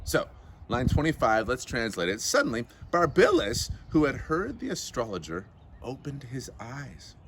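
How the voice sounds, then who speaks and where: A man teaching Latin, reading a story aloud to his class in a slow, theatrical way and translating line by line. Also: mid-range voice, wildly swooping pitch, background noise.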